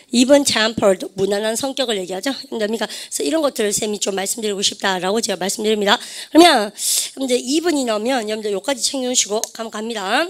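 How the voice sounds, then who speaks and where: A woman English teacher lecturing exam students on vocabulary, often asking the class questions and having them repeat the pronunciation. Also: on the high side. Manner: calls herself ssaem, keeps asking the class questions and drilling pronunciation.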